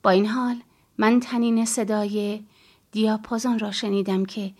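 A woman narrating an audiobook in the first person, with a calm, measured, reflective reading. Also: medium pitch.

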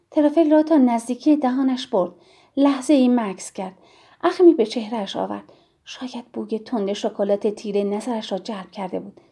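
A woman reading a novel aloud in scripted first-person narration, measured and expressive. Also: medium pitch, breathy edge. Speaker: audiobook narrator.

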